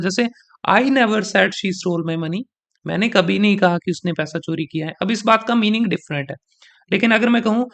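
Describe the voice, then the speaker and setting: A young male trainer teaching an online lesson, his voice sitting high for a man. He explains in an easy, patient way and repeats example sentences slowly to show where the stress falls. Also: a bit bright. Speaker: exam coaching trainer. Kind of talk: teaching in Hindi mixed with English.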